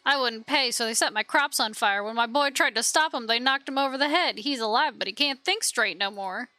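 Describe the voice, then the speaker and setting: A woman's voice: on the high side, fairly quick, bright, forceful tone, dry recording. A woman voicing aggrieved rural villagers in a put-on Southern drawl, reading blunt, indignant complaints from a game. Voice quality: twangy drawl.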